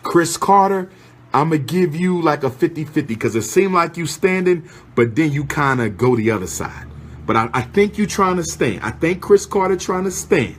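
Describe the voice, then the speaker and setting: A man's voice: fairly high pitch, sing-song, normal speed. A man giving impassioned, sermon-like commentary, fiery and repetitive as he calls people out one after another.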